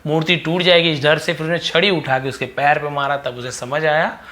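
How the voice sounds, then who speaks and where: Bright-voiced male English teacher. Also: fairly high pitch, level tone. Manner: slow word-by-word reading of English phrases, then explanation. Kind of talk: explaining an English story in Hindi.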